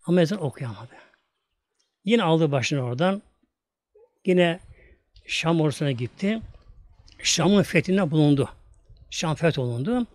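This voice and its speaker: An older man preaching, telling a religious story slowly and emotionally, with long pauses. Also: a little high, expressive, darkish tone, dry recording. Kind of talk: sermon storytelling. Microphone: audio recording of a talk.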